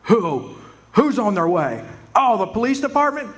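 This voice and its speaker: An actor in a live community radio play takes on George Bailey, a husband and father overcome with breathless happiness. The man's high-pitched voice stays unhurried even as the excited joy pours out.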